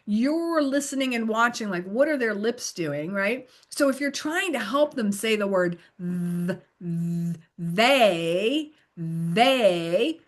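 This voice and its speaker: A middle-aged woman running a recorded training lesson for volunteer literacy tutors, encouraging and animated, acting out how learners react. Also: on the high side, normal speed, hardly any pauses.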